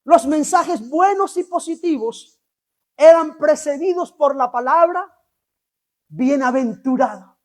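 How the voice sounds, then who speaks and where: A man preaching a sermon as pastor, animated and asking the congregation questions. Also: very high-pitched, slow pace.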